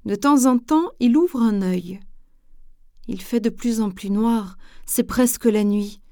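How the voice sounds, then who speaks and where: A woman reading a children's story aloud in a gentle, expressive way. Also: fairly high pitch, takes it slowly, no room sound, studio quality.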